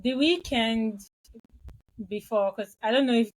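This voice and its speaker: A woman's voice: on the high side, measured pace, dry recording, rough recording. A woman co-hosting a podcast in casual chat, talkative and laughing easily. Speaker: podcast co-host.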